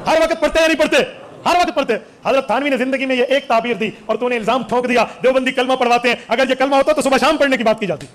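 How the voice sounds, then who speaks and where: A cleric with a Pakistani Urdu accent addresses a gathering in a sermon style. His voice is strikingly high and his pace quick. He reels off lists and throws rhetorical questions at his listeners. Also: fairly bright tone.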